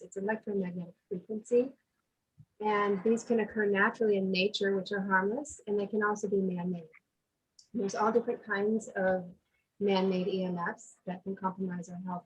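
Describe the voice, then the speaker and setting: A woman giving earnest, steady remarks as a guest speaker at a neighborhood online meeting, her voice muffled over the video call. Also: mid-range voice, husky. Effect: muffled sound over a video call.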